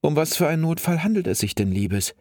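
A man's voice: on the high side, very animated, fast talker, dry recording, studio quality, pitched above the performer's own voice. A man voicing a brusque adult female emergency dispatcher in a story reading. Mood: brisk. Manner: brusque, then softer.

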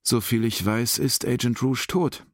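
A man's voice: mid-range voice, measured pace, no echo, studio quality, pitched above the performer's own voice. A man voicing a defiant, sardonic female chief inspector in an audiobook, speaking with bored, cutting sarcasm. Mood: cold insistent.

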